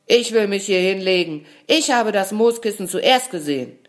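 A woman voicing a young male caterpillar friend, pushy and quick to shout, in a storybook. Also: on the low side, pitched above the performer's own voice, lightly acted. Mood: angry shouting. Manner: loud, insistent, raised voice.

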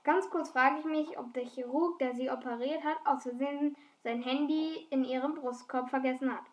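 Woman, high voice, audiobook narrator, first-person storytelling, lively reading. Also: moderate pace, reverberant. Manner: lively, plays the characters' dialogue.

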